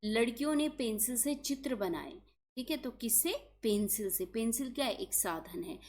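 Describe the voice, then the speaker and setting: A woman's voice: on the high side, lively intonation, normal speed, darkish tone, slight background noise. A woman teaching an exam-prep grammar lesson, asking herself rhetorical questions and stressing key words. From India.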